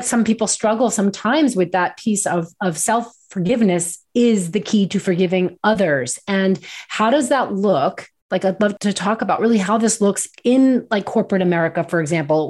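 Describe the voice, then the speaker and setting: A woman hosting a conversational interview. She is warm and affirming, building her questions out loud with restarts and a gentle pace. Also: medium pitch, normal speed. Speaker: host.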